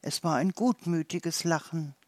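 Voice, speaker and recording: A woman reading a children's Christmas story aloud in a calm, read-aloud narration. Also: low voice, measured pace, dry recording.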